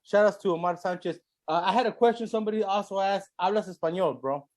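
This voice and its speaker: Man, high voice, frat bro slang, teasing, casual show host, swears freely. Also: quick pace, darkish tone. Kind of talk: casual chat.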